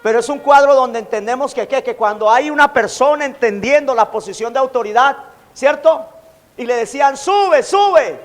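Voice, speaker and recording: A man preaching a sermon as pastor, animated, acting out quoted taunts. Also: extremely high pitch, a little fast, soft background music. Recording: long hall reverb.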